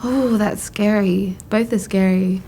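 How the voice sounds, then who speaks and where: A woman's voice: medium pitch, steady tone, takes it slowly, dark tone, a little hiss or hum. A woman, a band member answering casually with easy giggles. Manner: easygoing, giggly. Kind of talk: casual interview chat.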